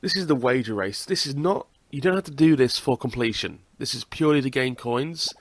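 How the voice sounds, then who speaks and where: Expressive and fairly quick, this medium-pitched young man from Britain commentates a game playthrough while nursing a cold and blocked nose. He's casual and chatty, swears now and then, and there's no room sound.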